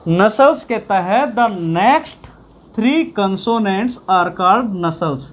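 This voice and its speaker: A woman's voice: fairly high pitch, darkish tone. A woman teaching a video lesson, stretching out each example sound and checking in often with the listener. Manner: drawn-out sounding of letters, frequent "theek hai" checks. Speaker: shorthand teacher.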